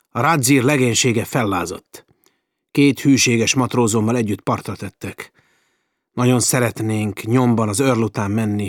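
A man voicing a bold, brash male naval officer adventurer, speaking forcefully and commandingly. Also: lowish voice, husky, no room sound, clean studio sound.

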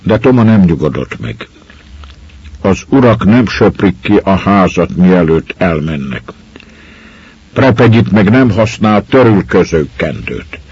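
A man with a husky voice reading a folk tale aloud in a measured, expressive way. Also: deep voice, dry recording. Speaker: storyteller. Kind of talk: scripted story narration. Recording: muffled lo-fi recording.

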